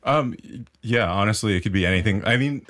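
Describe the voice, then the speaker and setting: A man hosting a podcast, asking questions in a relaxed, joking way with loose phrasing. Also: lowish voice, a little fast. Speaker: podcast host. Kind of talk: casual interview chat.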